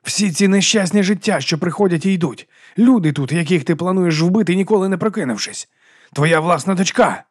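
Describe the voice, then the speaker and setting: A man voicing a desperate, hoarse man who accuses and pleads with his old mentor in an audiobook. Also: fairly high pitch, fairly even intonation, fast talker, no echo, studio quality. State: hoarse, burning throat. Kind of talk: audiobook character voice.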